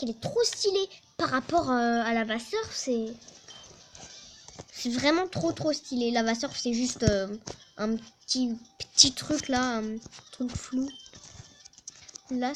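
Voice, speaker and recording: High-voiced excitable woman gaming. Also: noisy background. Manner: excitable, chatty, swears at opponents. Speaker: let's play gamer. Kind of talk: casual gameplay commentary.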